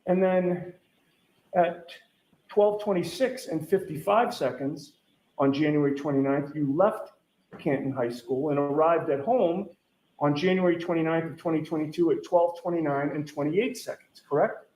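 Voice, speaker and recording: A man cross-examining a witness as a lawyer in court, putting detailed, deliberate leading questions and pressing for confirmation. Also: fairly high pitch, darkish tone. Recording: echoey courtroom sound with faint noise.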